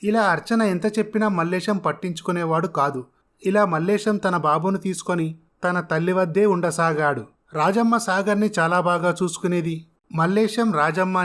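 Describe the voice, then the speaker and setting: A man with a slightly high voice tells a family tale in a steady, even manner. He narrates scene after scene as a storyteller.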